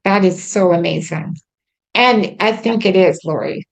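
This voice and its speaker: A Quebec-based woman hosts a casual chat, her lowish voice carrying a gravelly, creaky edge. She comes across as earnest and chatty, filling pauses with ums.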